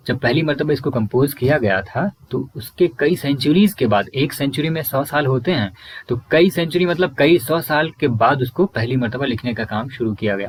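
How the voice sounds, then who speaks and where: A man teaching a school lesson, reading English lines slowly and explaining them in Hindi, checking in often with "okay" and "right". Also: mid-range voice, breathy edge.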